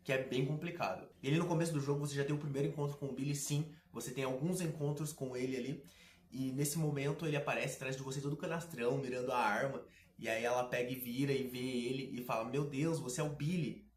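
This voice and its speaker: A man's voice: mid-range voice, fast talker. Sarcastic man in a roomy echo. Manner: sarcastic, slangy, animated. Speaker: gaming video host. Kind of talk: casual game commentary.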